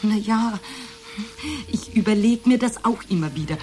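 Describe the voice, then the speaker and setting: An actress in a radio drama plays a therapy client who is hesitant and burdened, groping for words in conversational speech with a reflective mood. Her voice is medium-pitched, a little mellow and close to everyday, at normal speed.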